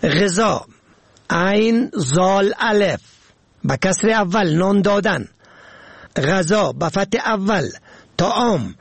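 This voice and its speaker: A man reading a pronunciation lesson on radio, slow and deliberate, spelling words out letter by letter. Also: high-pitched, lively intonation, vocal fry, breathy edge, no room sound.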